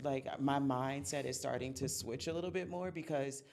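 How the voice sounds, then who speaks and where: A man's voice: medium pitch, moderate pace, creaky, darkish tone. A man in his mid-thirties co-hosting a podcast, chatting in an upbeat, teasing way. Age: 30s. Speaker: podcast co-host. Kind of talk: casual podcast chat.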